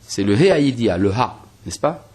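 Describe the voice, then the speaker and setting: Male rabbi from Algeria, husky voice, lively intonation, teacher's rhetorical questions and hesitant restarts. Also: medium pitch, unhurried. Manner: explains step by step, asking rhetorical questions; hesitant restarts and fillers while reasoning. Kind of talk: spoken Torah lesson.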